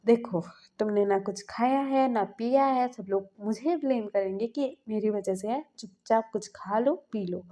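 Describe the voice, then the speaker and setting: A woman's voice: fairly high pitch, moderate pace, dark tone, close to an everyday voice. A woman reading a bitter, angry young man. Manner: curt, angry.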